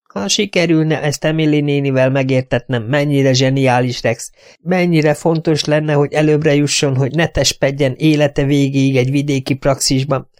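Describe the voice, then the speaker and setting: A male audiobook narrator voicing a scornful, bitter young woman, raising his pitch for her mocking lines. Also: steady tone, clear, resonant tone, dry recording, clean studio sound, natural voice. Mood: pleading.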